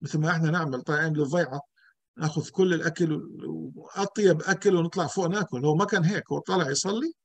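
A man's voice: on the high side, fast, no room sound. A male pastor, teaching an emphatic sermon full of rhetorical questions and repetition.

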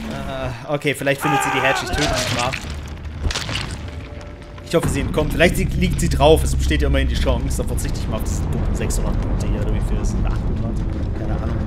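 A young man commentating his own gameplay, excitable, with panicked yelps and English words mixed into his speech. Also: medium pitch. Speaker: gamer. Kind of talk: let's play commentary. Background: game music.

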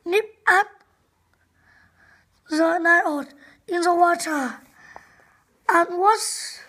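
A woman with a Vietnamese accent reading an English picture book aloud to children, slowly and carefully with some restarts. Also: very high-pitched, bright, forceful tone. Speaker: children's storybook reader.

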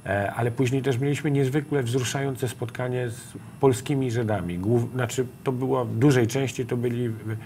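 Middle-aged male politician guest, mid-pitched, emphatic and earnest, faint studio hum. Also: fairly even intonation, moderate pace, creaky. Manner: emphatic, rising to forceful conviction. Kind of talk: political interview.

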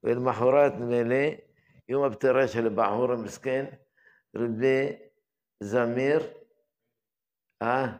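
An older man, head of a yeshiva, giving a daily religious lesson and reminiscing in an unhurried, anecdotal way. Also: medium pitch.

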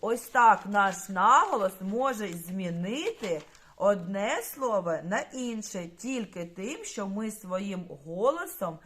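A woman's voice: medium pitch, lively intonation, slow pace, a bit bright. A woman teaching a primary school lesson, speaking patiently and addressing the children directly.

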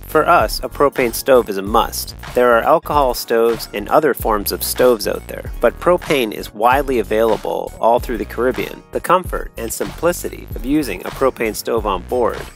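A man in his thirties giving calm, measured, instructive voice-over narration for a sailing vlog. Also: mid-range voice, vocal fry, faint music behind. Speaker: sailing vlogger.

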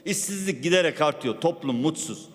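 A man's voice: on the high side, expressive, fairly quick. A man, a member of parliament, gives a combative floor speech at the lectern microphone and accuses the ruling side. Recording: long hall reverb in a parliament chamber.

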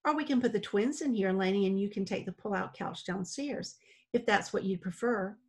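A woman's voice: on the high side, a little slow, voice pushed up. A woman reading aloud and voicing a bossy, cheerful aunt who speaks sweetly and commands. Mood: cool. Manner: sugary, overly sweet and commanding. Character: bossy cheerful adult aunt, pushy and sing-songy.

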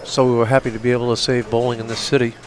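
A man's voice: mid-range voice, rapid-fire. A man, a bowling center owner, chatting as a guest on a live bowling broadcast, matter-of-fact. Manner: relaxed, matter-of-fact explaining. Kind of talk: casual chat on broadcast. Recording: live broadcast with noise behind. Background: bowling alley noise.

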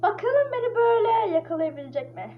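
A woman's voice: extremely high pitch, very animated, fast. A woman playing a horror game with casual, panicky commentary, exclaiming and chattering as she plays. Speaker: gamer. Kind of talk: casual let's-play commentary. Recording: dull lo-fi mic with clear hiss.

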